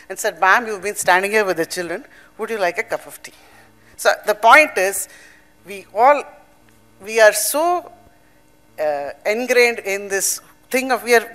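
A woman's voice: fairly high pitch, fairly bright tone. An older woman with an Indian English accent speaking earnestly at a public event, mixing emphatic points with personal stories. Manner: earnest, emphatic, storytelling with asides. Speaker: panel speaker.

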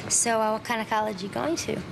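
An actress playing a smooth, chatty woman artist in a naturalistic TV film. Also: fairly high pitch, fairly even intonation, fast talker. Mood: casual, probing. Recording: noisy film soundtrack with background ambience.

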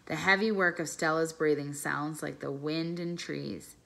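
A woman calmly reading a children's novel aloud, careful and measured as a teacher. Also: low voice, vocal fry. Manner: calm, careful storytelling, pausing over phrases.

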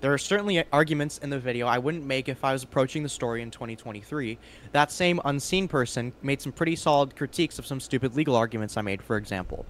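A man hosting a stream, reading a long statement aloud and breaking off into crude, excitable remarks. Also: mid-range voice, fast, slight background noise. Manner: crude, excitable, cuts in with loud outbursts. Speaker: stream host.

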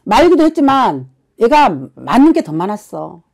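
Woman fortune teller, blunt and scolding, lively high voice, pushes with repeated questions. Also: moderate pace, creaky. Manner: forceful, scolding, keeps prodding with "어?". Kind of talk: blunt counseling session.

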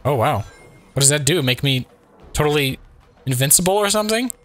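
A man hosting a casual gameplay commentary while sick, his voice still not fully recovered, reacting excitably with frequent exclamations. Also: on the high side, fairly quick, soft background music. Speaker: let's play host.

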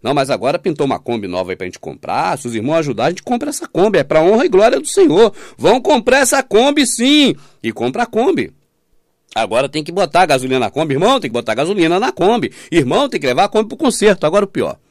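Man, informal online sermon, sarcastic, swings between loud and hushed, higher-pitched voice. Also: big pitch swings, fast talker, no room sound, studio quality. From Minas Gerais, Brazil. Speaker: preacher.

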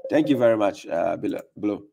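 A man's voice: fairly low pitch, expressive, brisk, creaky, music in the background. A man hosting a live call-in religious debate stream, pressing his caller with repeated questions. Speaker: livestream host. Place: small room indoors.

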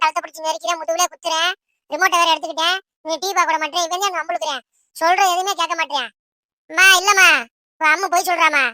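Squeaky, bright cartoon siblings who whine and tattle in fast bursts, as a performer puts them on. The pitch sits very high and the delivery stays dry and close. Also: no room sound, full character voice. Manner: whining, tattling. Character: squabbling teenage siblings, whiny and quarrelsome. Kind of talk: Tamil cartoon voice acting.

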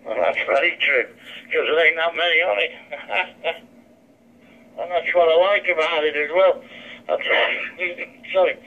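A fairly high-pitched man talks slowly and pauses often in a casual, blunt exchange over amateur radio. The digital transmission plays through a dull handheld speaker.

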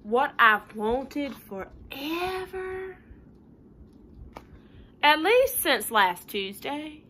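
A woman voicing an excitable, pleading, stubborn storybook pigeon, exclaiming and wheedling with emphasis. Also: high-pitched, extremely slow, voice pushed up, exaggerated voice. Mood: excited. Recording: home recording with light room noise.

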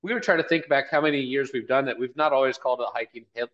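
Here the college marketing director and event organizer, a man in his fifties, speaks fast with a medium, somewhat bright voice. Earnest and prone to repeating phrases, he's a guest in a casual video-call interview from a small indoor office; the sound is lo-fi and dull.

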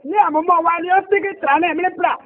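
A man's voice: extremely high pitch, racing. A man interjecting during a sermon in French and local languages. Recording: tinny phone-like recording.

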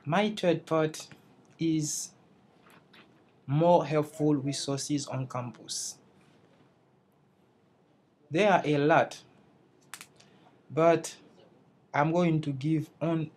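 His voice is on the high side with a darkish tone. He is a young English learner from Haiti, giving a careful class presentation over slides and restarting phrases as he looks for the right words.

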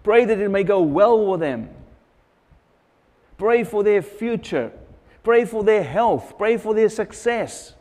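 A man's voice: high voice, lively intonation, slow, darkish tone, long reverb tail. A middle-aged man preaching a sermon at a church pulpit, earnest and repeating phrases for emphasis, on a lapel mic. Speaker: pastor.

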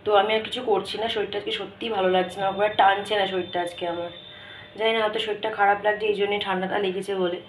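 A woman's voice: medium pitch, flat delivery, quick pace. A woman talks casually to her viewers in a daily vlog, showing her kitchen as she goes. Her nose is stuffed up and her throat is sore from a cold. The room echoes around her, and there is a faint hum of noise behind her. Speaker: vlogger. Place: home kitchen. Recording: roomy echo, faint background noise.

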